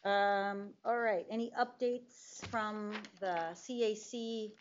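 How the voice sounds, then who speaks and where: A woman's voice: medium pitch, takes it slowly, a little hiss or hum. A woman chairing a public board meeting, moving through agenda items in an informal, friendly and slightly hesitant way. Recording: muffled meeting recording.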